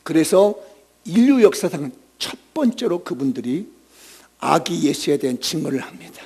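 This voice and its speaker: A male pastor preaching a Sunday sermon dramatically, moving between shouted emphasis and hushed lines and putting rhetorical questions to the congregation. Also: fairly high pitch, big pitch swings, moderate pace, slightly rough.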